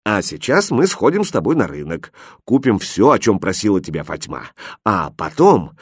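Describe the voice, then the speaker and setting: A man voicing a kind, tall elderly gentleman in a storybook reading, speaking gently and softly. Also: big pitch swings, moderate pace, slightly rough, no room sound, studio quality. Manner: gentle, soft-spoken and low.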